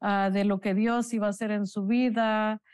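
A woman giving an emotional, halting personal testimony in an interview, earnest and religious. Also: medium pitch, level tone, darkish tone, smooth, no room sound. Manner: emotional, slow, halting storytelling. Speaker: interview guest, bereaved mother.

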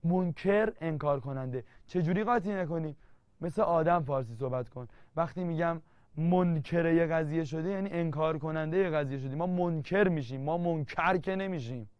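This man's fairly high, clean-toned voice leads a literature lesson for exam prep, teasing students playfully and hammering home key terms through constant repetition. The audio is dry, dull and lo-fi.

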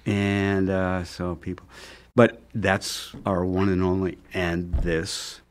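A man's voice: low voice, little pitch movement, a little hiss or hum. An older man, a chef guest in a TV studio, talking at a desk mic with lots of fillers and restarts. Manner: halting, many fillers and restarts. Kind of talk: casual studio interview. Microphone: desk microphone on stand.

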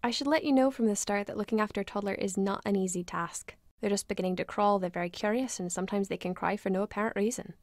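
An actress voicing a polite, careful young mother in a video game, speaking in a measured, slightly wary way. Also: medium pitch, dry recording, close to an everyday voice.

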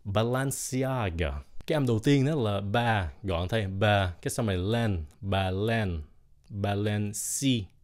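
A man teaching pronunciation in a casual spoken lesson, saying words slowly and carefully, syllable by syllable. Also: on the low side. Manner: slow, over-enunciated, repeats words syllable by syllable.

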